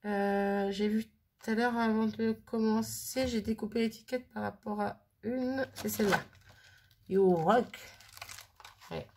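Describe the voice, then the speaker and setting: A woman's voice: a little high, flat delivery, a little slow, darkish tone. A woman casually thinking aloud as she works on a craft project, chatting and muttering to herself at her worktable. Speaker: crafting vlogger.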